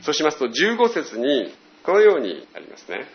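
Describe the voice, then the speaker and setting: A man preaching a sermon as pastor, telling stories with animated voiced quotes. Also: a little high, normal speed, reverberant, lo-fi sound.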